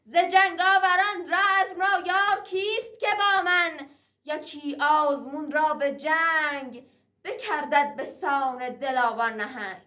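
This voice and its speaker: A woman's voice: sits high, bright, forceful tone, recorded from a distance. A woman reciting a traditional epic in the declamatory manner of a teahouse storyteller, moving between dramatic verse and narration.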